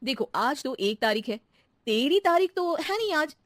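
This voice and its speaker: A woman voicing a sensible, wryly teasing housewife with an expressive delivery in a comedy cartoon. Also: high voice, normal speed, no room sound, clean studio sound. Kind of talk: comic Hindi cartoon acting.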